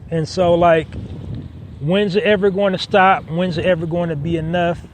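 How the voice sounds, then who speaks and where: A man talking through his solo podcast, his voice sitting a bit higher than most men's. He speaks conversationally, repeats his points for weight and fills his pauses with "um", with a faint hiss of noise underneath. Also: steady tone. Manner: conversational, emphatic repetition, frequent "um" fillers. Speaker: podcast host.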